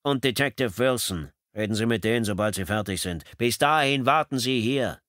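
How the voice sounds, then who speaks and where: Style: audiobook character voice. Sex: man. Figure: gruff, curt uniformed cop voiced by a male narrator. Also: medium pitch, animated, moderate pace, a bit bright, dry recording, studio quality, natural voice. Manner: curt, commanding.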